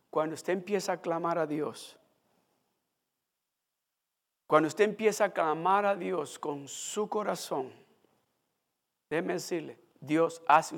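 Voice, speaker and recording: A man's voice: a little high, gravelly. A male pastor preaching a sermon, speaking emphatically and addressing the congregation directly.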